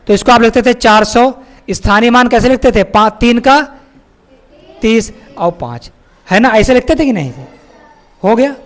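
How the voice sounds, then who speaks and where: A male maths teacher explaining a lesson step by step, often asking his pupils questions and calling them child. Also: very high-pitched. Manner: asks pupils questions and checks their understanding.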